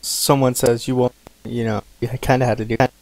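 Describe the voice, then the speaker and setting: A man's voice: medium pitch, level tone, fairly quick, darkish tone. A young man co-hosting a gameplay video, joking and telling stories. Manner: joking, storytelling. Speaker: co-host. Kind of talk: casual gameplay chat.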